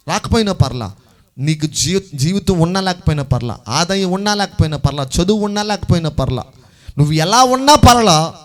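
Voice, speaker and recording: A man preaching a sermon as pastor, repeating phrases and building to loud exclamations as he calls on the congregation to answer back. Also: fairly high pitch. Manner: call-and-response preaching, urging the congregation to answer louder.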